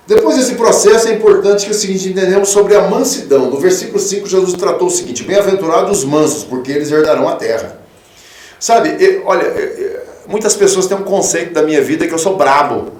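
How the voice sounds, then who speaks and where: A man, a pastor, preaching a radio sermon, fatherly and emphatic, swinging from loud peaks to soft low tones. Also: expressive, brisk, reverberant, far from the mic. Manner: fatherly, calls listeners 'filho'. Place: radio studio.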